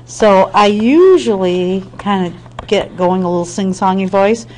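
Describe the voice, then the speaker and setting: A woman's voice: medium pitch, a little slow, a little mellow, slight background noise, rough recording. Patient woman teaching math step by step. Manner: patient step-by-step explaining with frequent check-ins; talks to students directly. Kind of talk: screen-recorded math lesson.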